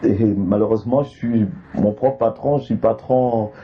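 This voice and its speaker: A man's voice: on the low side, normal speed. A man from Côte d'Ivoire, a guest artist in an interview, talking with frequent hesitations and restarts. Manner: hesitant, with many fillers and restarts. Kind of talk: interview conversation. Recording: slightly dull, faint background noise.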